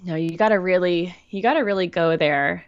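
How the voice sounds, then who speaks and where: A woman getting over a cold chats as a podcast guest, and her congestion comes through faintly. Her voice sits low for a woman, and she keeps a teasing tone. The recording is dry and a little dull. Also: fairly quick, dry recording. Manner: joking, teasing. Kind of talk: casual chat. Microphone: new studio microphone.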